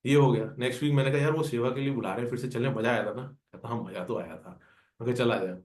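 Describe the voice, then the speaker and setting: A man tells a story from his own life in a relaxed, chatty way and acts out the back-and-forth with his friends. His voice sits at an ordinary middle pitch. The sound carries a noticeable room echo. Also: fast. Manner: conversational, acts out dialogue with friends. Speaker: devotee sharing a personal experience. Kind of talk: storytelling testimony. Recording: roomy echo.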